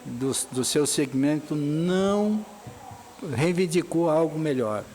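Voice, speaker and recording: A man's voice: on the high side, lively intonation, takes it slowly, darkish tone, slight background noise. A man hosting an interview in an outdoor square, asking probing follow-up questions and pressing his point. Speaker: interviewer, podcast host. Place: outdoor square with a street fair.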